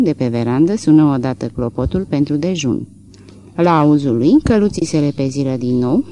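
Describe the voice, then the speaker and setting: Male audiobook narrator, warm, dark tone, lively pitch, reads literary prose with feeling. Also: slight background noise. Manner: expressive, rises and falls with the action.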